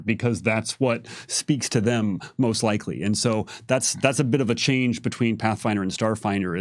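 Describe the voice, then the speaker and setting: A man with a medium-pitched voice answers lore questions as a game developer, explaining off the cuff and often rephrasing himself mid-sentence. The unscripted talk is recorded at studio quality with no echo.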